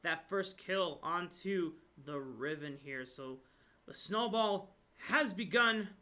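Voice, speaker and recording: Male esports caster, higher-pitched and bright, headset mic, excitable reactions. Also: takes it slowly. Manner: excitable, rises sharply in pitch at surprises. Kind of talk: live esports commentary. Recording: brief connection dropouts.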